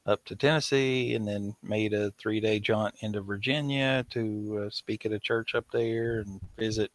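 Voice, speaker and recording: A man's voice: on the low side, fairly even intonation, normal speed, dry recording. A man with a Southern US accent, talking in a laid-back way as a podcast co-host in a casual chat.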